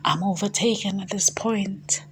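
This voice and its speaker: A woman from South Africa reading her own romance story aloud in an intimate, breathy voice that often sinks to a whisper. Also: mid-range voice, fairly even intonation, unhurried, fairly bright tone, slight background noise. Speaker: author reading her novel. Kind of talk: first-person romance storytelling.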